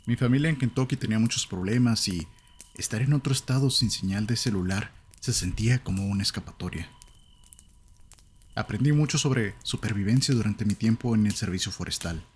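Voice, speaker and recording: A man with a Latin American Spanish accent narrates a horror tale in a calm, measured way. His voice sits low. A faint hiss runs under the recording.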